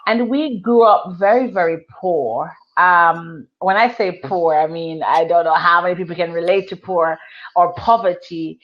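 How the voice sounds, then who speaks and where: A woman from Jamaica in her thirties tells her personal story as an interview guest. Her voice sits fairly low and she speaks earnestly, leaning on phrases and repeating them for effect. The sound is dull and lo-fi, like audio from an online call. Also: measured pace.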